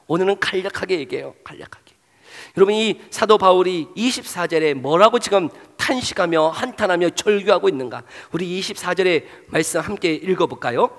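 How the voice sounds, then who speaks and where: A male pastor preaching a sermon, asking the congregation rhetorical questions and swinging between loud exclamations and hushed asides. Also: high-pitched. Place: church sanctuary. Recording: long hall reverb. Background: hall reverb.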